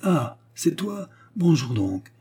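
A man's voice: medium pitch, animated, a little fast, warm tone, slightly rough, voice pushed up. A man voicing an irascible, woman-hating old male professor who scolds fiercely and sarcastically. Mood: ironic.

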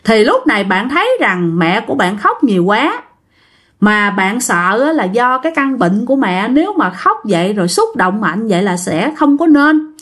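Lively woman telling ghost stories. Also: fairly high pitch, normal speed. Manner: chatty, addresses listeners directly. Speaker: storyteller. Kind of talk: casual ghost story narration.

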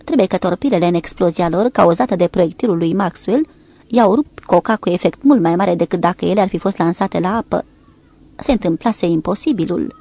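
Woman narrating a war novel audiobook, gravelly. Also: on the low side, mellow.

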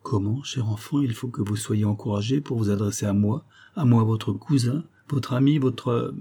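A wounded colonel pleading his case with earnest warmth from a sickbed, as a man reads him in a storybook. The voice is dark and husky, low in brightness and clarity. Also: brisk.

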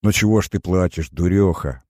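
A man's voice: sits low, a little fast, warm tone, no room sound, studio quality. A man doing a tearful old war veteran. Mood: tenderly scolding. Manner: sobbing, overwhelmed.

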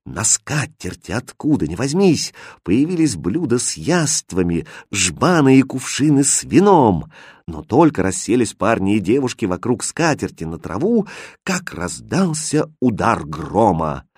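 A man reading a fairy tale aloud as narrator, in an expressive, lively storybook style. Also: on the low side, unhurried, husky, dry recording, studio quality.

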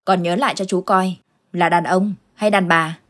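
A woman voicing a stern older village uncle who fights ghosts, gruff and commanding, in an audio ghost story. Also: on the low side, steady tone, moderate pace, natural voice.

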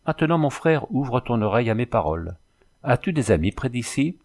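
A man reading aloud, voicing a proud young native woman in a storybook who speaks calmly and solemnly, often calling herself by name. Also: medium pitch, fairly quick.

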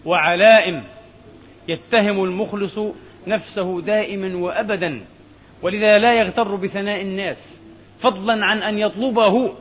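A man preaching a sermon in formal classical style, measured and emphatic, often repeating a phrase for weight. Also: high-pitched, a bit bright. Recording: dull audio with long hall reverb.

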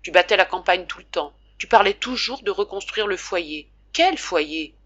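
A woman's voice: lowish voice, animated, normal speed, fairly bright tone, highs cut off. A woman reading the part of a talkative, affectionate father who fusses over his sick son. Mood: chatty, scolding. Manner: chatty, scolding fondly. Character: doting talkative middle-aged father.

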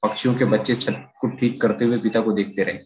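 A man narrating a children's story read aloud, steady and even. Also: on the low side, fairly quick, low-quality recording.

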